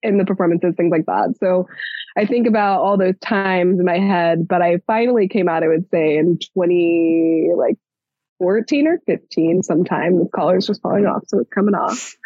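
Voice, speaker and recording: A woman's voice: lowish voice, dry recording. A woman guest on a podcast in casual chat, reflective and easygoing, with many fillers. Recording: slightly dull lo-fi sound.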